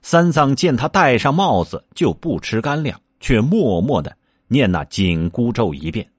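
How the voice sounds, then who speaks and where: A man narrating a classic tale aloud with animated, swooping delivery. His low voice is husky and he reads at an unhurried pace, dry and close. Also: no room sound. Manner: expressive, acted reading. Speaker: storyteller. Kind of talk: reading a classic novel aloud.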